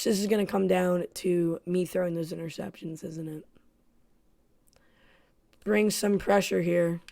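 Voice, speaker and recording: A woman's voice: mid-range voice, vocal fry. A woman giving play-by-play commentary on her own football video game, frustrated and self-critical. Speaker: gaming YouTuber.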